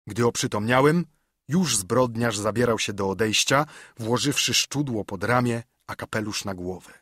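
A man reading a novel aloud as an audiobook narrator in a measured, literary manner. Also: medium pitch, fairly bright tone, no room sound, studio quality. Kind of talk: scripted narration.

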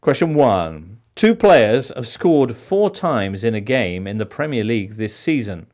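Male quiz host, playful and theatrical, swooping animated delivery, mid pitch. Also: unhurried. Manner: playful, theatrical question reading. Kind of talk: podcast quiz hosting.

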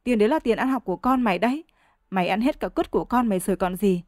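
A woman voicing a fed-up, sharp-tongued peasant wife who scolds and curses her husband in a storybook reading, in a dry, close sound. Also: fairly quick, no echo, close to an everyday voice. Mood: furious scolding. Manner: shrill scolding, cursing loudly.

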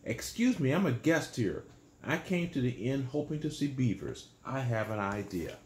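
A man's voice: medium pitch, animated, moderate pace, reverberant, slight background noise, natural voice. A man reading a picture book aloud, voicing a polite guest at an inn who offers an idea.

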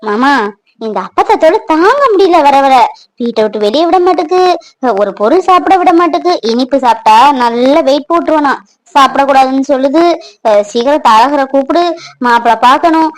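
A woman's voice: high-pitched, fairly quick. A young woman, playing a playful, chatty village girl wary of her strict family. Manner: playful and chatty, lively intonation. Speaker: actor in a family fan drama. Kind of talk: village romance drama acting.

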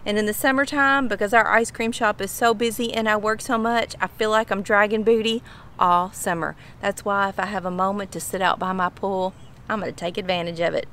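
On her home pool patio, a middle-aged Kentucky woman with a Southern drawl chats casually to camera, explaining slang in a folksy way and repeating phrases for emphasis. Her medium-pitched, slightly bright voice is fairly even and a little fast, with slight background noise.

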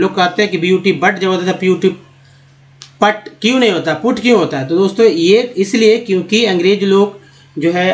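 A man's voice: high-pitched, poor audio. A man giving a Hindi-language English pronunciation lesson, spelling out letters, drawing out sample words and quizzing his viewers. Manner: drills words slowly, spelling out letters and asking quiz questions.

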